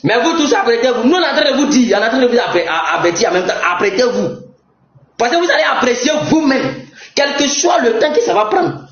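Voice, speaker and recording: A young man with an Ivorian French accent giving a heated political rant, mocking and often shouting and laughing. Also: very high voice, big pitch swings, brisk. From Côte d'Ivoire. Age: young adult. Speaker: political commentator. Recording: roomy, dull lo-fi sound.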